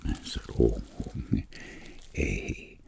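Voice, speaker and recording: In a whispered ASMR roleplay, a man plays a boastful, roguish world traveler who deals in tingles. His voice is breathy and gravelly as he spins rambling tales deadpan, speaking extremely slowly in a boastful, playful mood.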